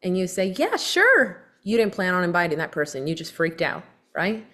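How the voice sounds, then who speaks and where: A woman's voice: fairly low pitch, a little fast, fairly bright tone. A woman, coaching a sales team on phone technique and demonstrating how to shift her pace. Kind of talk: training talk on a call.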